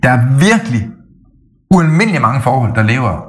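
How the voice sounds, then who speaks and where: A middle-aged man co-hosting a podcast, talking in a casual, animated way that often stumbles and restarts. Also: mid-range voice, soft background music. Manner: animated storytelling with frequent restarts. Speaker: podcast co-host. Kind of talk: casual chat.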